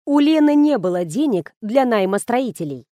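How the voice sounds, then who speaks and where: A woman reading an audiobook in steady, scripted narration. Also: on the high side, normal speed, no echo, clean studio sound.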